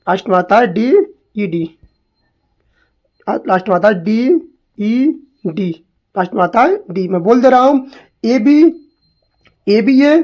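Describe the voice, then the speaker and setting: A man with a fairly high voice teaches literary terms for an exam. He drills each point by repeating it and firing short quiz questions at the listener, slipping English terms into his explanation. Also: darkish tone. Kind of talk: exam-prep lecture.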